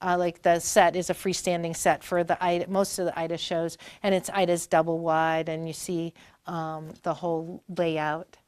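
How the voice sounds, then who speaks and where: A woman in her fifties from Maine, a performer appearing as a guest, tells family stories during an interview at a library talk, rambling chattily with plenty of fillers and restarts. Her voice is lowish, darkish and smooth, delivered flatly at a normal speed with no echo.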